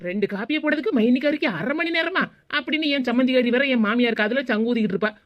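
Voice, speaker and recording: Woman doing a quick, grumbling young daughter-in-law. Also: sits high, no room sound, lo-fi sound, voice pushed down, lightly acted. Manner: fast, grumbling to herself. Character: put-upon young daughter-in-law, muttering. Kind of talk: cartoon voice acting.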